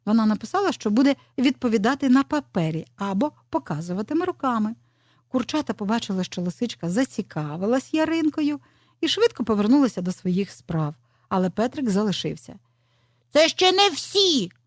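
A woman narrating a children's audio story in an expressive storytelling voice. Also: fairly high pitch, brisk, dry recording, studio quality.

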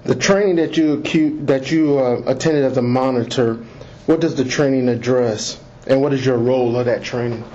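A man, a police lieutenant, reads out a formal interview script slowly and deliberately, captured on an interview audio recorder. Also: medium pitch, a little mellow. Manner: slow, deliberate, measured reading. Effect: interview taped on an audio recorder, like an interrogation tape. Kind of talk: formal official interview, reading set admonitions. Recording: muffled lo-fi interview recorder audio with faint hiss.

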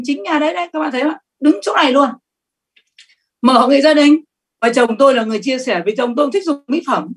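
In her sales training talk, a middle-aged woman uses a high, husky voice. Her delivery is lively and emphatic, and she often turns questions toward the audience.

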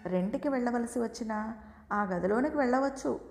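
A woman voicing an amused older male passenger who explains things in a gently teasing, matter-of-fact way. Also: a little high, fairly quick, lightly acted. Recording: echoey room with long reverb.

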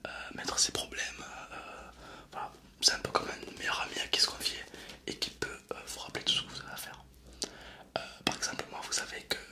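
A young man whispering softly in an informal, chatty ASMR style, speaking directly to viewers into a close binaural microphone. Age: young adult. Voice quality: soft unvoiced library-style whisper. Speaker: ASMR video host. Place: small indoor setup. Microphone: close binaural ear-shaped microphone.

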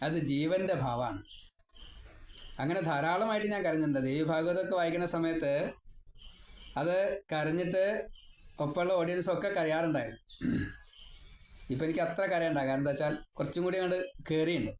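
Male scripture teacher, slightly high voice, talks in a rambling way with wry asides, recorded in an echoey room with faint ambience. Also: a little hiss or hum. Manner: chanting Sanskrit verses slowly, then explaining in conversational Malayalam. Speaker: Bhagavatam teacher. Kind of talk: devotional scripture lesson.

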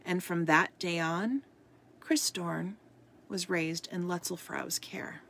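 Woman storyteller, low husky voice with gravel, soft-spoken, reads a tale aloud. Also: slow pace.

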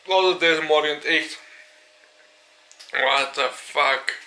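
A man's voice: fairly high pitch, slow pace, pushed and bright. A man in his twenties with a Flemish accent, chatting casually to his vlog and dropping in English phrases. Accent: Flemish Belgian. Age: 20s. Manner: peppers talk with English phrases. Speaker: vlogger. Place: small room at home. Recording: roomy, echoey home recording.

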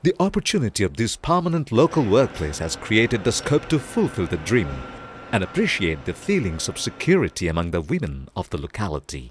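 A man giving scripted documentary narration in a measured, formal way. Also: fairly low pitch, huge pitch swings, slight background noise.

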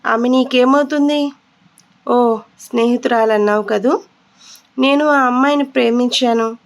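A woman voicing a harsh, quick-tempered male prison jailer who questions sharply and with scorn. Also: fairly high pitch, fairly even intonation. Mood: scornful.

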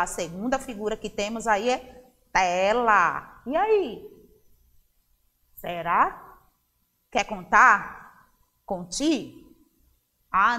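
A woman teaching a children's phonics lesson with a Brazilian Portuguese accent, drawing out syllables slowly and often checking in with "tá?" in an encouraging tone. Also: medium pitch, in a large hall. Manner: slow, drawn-out syllable drills with frequent "tá?" checks; warm, encouraging classroom tone to young pupils.

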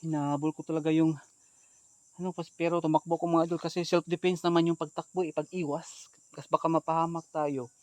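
Breathless man hunting ghosts on a mountain, jumpy vlog host, hushed one moment and shouting the next. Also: fairly high pitch, brisk, no echo. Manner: excitable, swings between hushed talk and alarmed shouts. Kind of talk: casual vlog narration. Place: outdoors on a mountain at night.

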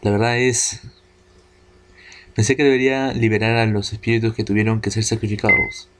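Solemn game spirit guardian, read by a man in a low, plain voice. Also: flat delivery, moderate pace, a bit bright, lightly acted.

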